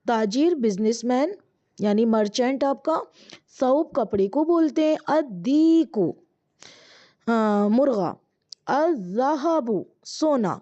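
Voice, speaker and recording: A woman teaching an Arabic reader lesson, reading each word slowly and drawn out, then explaining it quickly. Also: on the high side, expressive, dark tone, lo-fi sound. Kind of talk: explaining a language textbook lesson.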